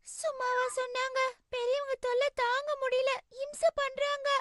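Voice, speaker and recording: A woman's voice: very high-pitched, little pitch movement, normal speed, no echo, clean studio sound. A woman voicing a stubborn little cartoon girl who whines, complains and talks back defiantly. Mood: sulky. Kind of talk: animated cartoon dub acting. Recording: loud background cartoon music.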